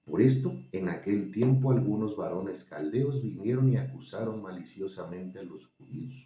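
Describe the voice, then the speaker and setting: Deep, mellow male reader for steady Bible reading; mic set back in a roomy, dull-sounding space. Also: a little hiss or hum. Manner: measured, solemn reading. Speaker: scripture reader. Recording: dull, roomy, distant recording.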